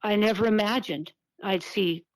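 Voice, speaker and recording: A middle-aged woman speaking earnestly and haltingly as an interview guest over an old flip phone call, often repeating words as she reflects. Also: mid-range voice, no room sound. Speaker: interview guest, activist and author.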